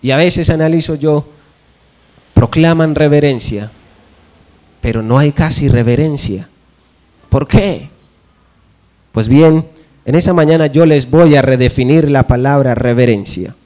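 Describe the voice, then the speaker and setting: High-voiced young preacher. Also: male voice, measured pace, pauses often, mellow. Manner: storytelling preaching, acting out dialogue. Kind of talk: sermon.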